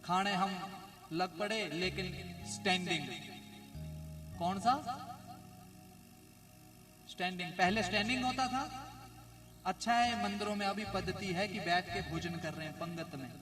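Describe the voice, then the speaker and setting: A high-pitched man with a Himachali accent delivers a devotional sermon. He speaks in a folksy way and keeps asking the gathering questions. He is recorded from a distance, with music clearly heard behind him. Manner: folksy, asks the crowd questions. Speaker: kathavachak preacher. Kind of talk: devotional discourse. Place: religious gathering.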